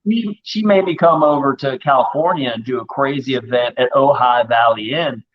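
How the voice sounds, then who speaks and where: A man chats as a guest chef on a live show, excitable and quick to launch into the next story. His voice sits in a middle register. The audio is dull and lo-fi, as from a home stream. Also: medium pitch. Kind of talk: casual live-stream chat.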